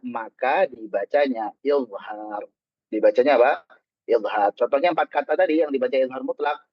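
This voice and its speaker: A man teaching children Quran recitation rules in an online lesson. He is patient, repeats his points, asks the pupils questions and slows down to model each word. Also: medium pitch, breathy edge, dry recording. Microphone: online call microphone. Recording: dull, dry online call audio.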